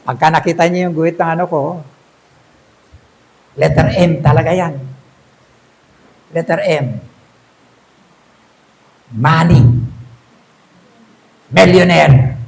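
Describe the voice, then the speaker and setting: A man's voice: a little high, steady tone, slow, creaky, long pauses, a little mellow, poor audio. A man preaching a sermon in a storytelling way, often asking the congregation rhetorical questions.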